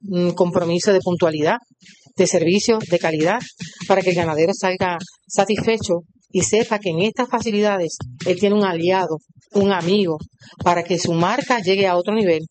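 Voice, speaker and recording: A woman's voice: lowish voice, a little mellow, slight background noise. Puerto rican woman talking up her coop, proud, lists stuff in runs. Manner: proud, listing things in rhythmic runs. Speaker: cooperative leader. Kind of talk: on-site interview.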